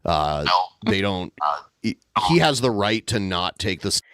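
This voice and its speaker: A man's voice: on the low side, very animated, unhurried, fairly bright tone, smooth, no echo, studio quality. A man giving casual reaction commentary with blunt, crude jokes.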